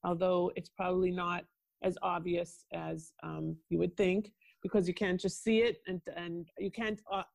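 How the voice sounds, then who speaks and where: A woman from Toronto, Canada, with a Canadian accent appears as an expert podcast guest. She's an international lawyer and mobility strategist who explains her work assuredly and speaks directly to the listener. Her voice is lowish, gravelly and darkish, with a level tone, a moderate pace and no echo.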